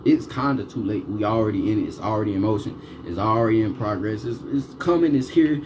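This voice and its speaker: A man's voice: lowish voice, a little fast. A man delivering a ranting monologue, swearing heavily and firing off repeated rhetorical questions. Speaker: vlogger. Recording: steady background noise.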